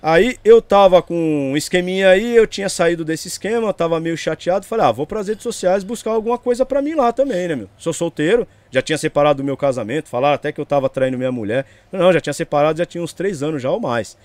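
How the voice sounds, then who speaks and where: A man's voice: fairly high pitch, lively intonation, fast, hardly any pauses, darkish tone, no room sound. A man, telling his side of a story as a guest in a casual interview, rambling along and checking in with the listener. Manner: rambling, tags lines with "entendeu?" and "meu".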